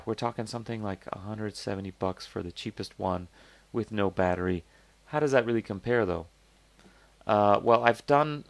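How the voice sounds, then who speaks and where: A man talks through a product review in a loose, rambling way, stopping and restarting as he thinks aloud. His voice sits a little low with a gravelly edge. The sound is close and dry, with no room around it. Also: dry recording. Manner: skeptical, conversational. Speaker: host reviewing crowdfunding products. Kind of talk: casual product review talk.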